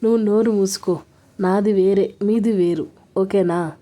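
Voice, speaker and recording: A woman's voice: mid-range voice, fairly even intonation, unhurried, dark tone, lightly acted. A woman voicing a cheeky young woman who teases her friend in a storybook reading. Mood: loud teasing. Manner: teasing, coy.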